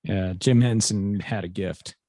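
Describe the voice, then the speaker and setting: A man's voice: on the low side, a little slow, warm tone, no echo. A man in casual podcast chat, talking about his son and making wry remarks.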